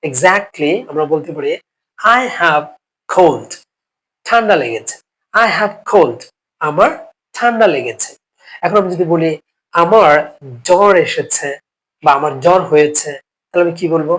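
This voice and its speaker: A man's voice: fairly high pitch, expressive, a little slow, long pauses, fairly bright tone, low-quality recording. A male English teacher who is sick with a cough, giving a spoken English lesson step by step, repeating each phrase and checking in with the learners often.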